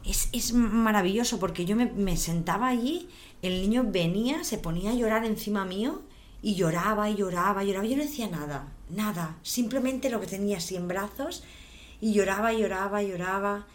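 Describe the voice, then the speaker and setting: A woman and mother talking calmly in conversation, reflective, repeating words for emphasis. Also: medium pitch, fairly quick. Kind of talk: conversational talk.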